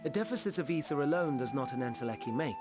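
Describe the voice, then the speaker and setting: Speaking fast with lively intonation at a medium pitch, an actor gives a light performance as a kindly, erudite scholar lecturing in archaic terms. It comes from a game cutscene, with background music in the audio.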